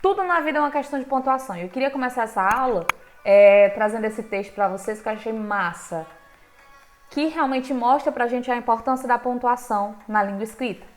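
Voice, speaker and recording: A woman's voice: fairly quick, soft background music. A woman with a Brazilian Portuguese accent teaching a grammar lesson in a conversational way. She keeps checking in with her students and punches key points with sudden lifts in her voice. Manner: conversational, checking in with frequent "right?" tags; emphatic, with sudden lifts in pitch and volume.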